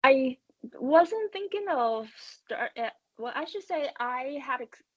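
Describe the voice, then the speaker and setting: A middle-aged woman from Taiwan with a Taiwanese accent, a startup founder speaking as a guest in a fireside chat interview, halting, with many fillers and restarts. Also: sits high, expressive, no echo, lo-fi sound.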